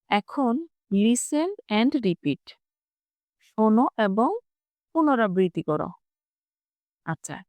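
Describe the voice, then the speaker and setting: A woman teaches a children's English lesson at a very unhurried pace, saying each word carefully and sounding out its syllables. Her voice sits at an ordinary middle pitch. The recording is close and dry, with no room sound. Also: a little mellow, no echo. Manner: slow and deliberate, breaking words into syllables. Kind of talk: slow classroom lesson explaining words and syllables.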